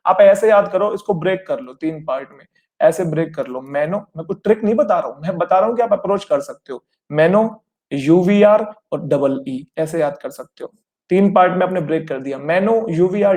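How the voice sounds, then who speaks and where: A man's voice: high voice, dark tone. A young man teaching an exam-prep vocabulary lesson, mixing Hindi and English and checking in with students often. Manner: explains in Hindi with English terms, addresses students as children; repetitive, checks in often with rhetorical questions.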